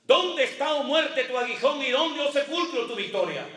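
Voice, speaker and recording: A man in his sixties, a pastor delivering an impassioned sermon with repetition and shouted praise. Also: extremely high pitch, expressive, moderate pace, echoey room, far from the mic.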